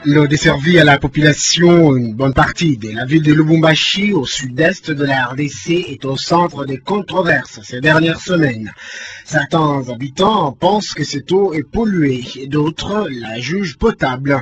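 Male radio news presenter, somewhat high. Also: measured pace, soft background music. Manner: formal read news, stumbles in live questions. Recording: dull lo-fi broadcast with faint noise.

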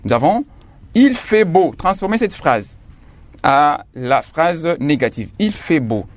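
A man teaching a radio school lesson on grammar, slowly stressing each example sentence. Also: on the high side, sing-song, no echo. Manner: slow, emphatic dictation of example sentences.

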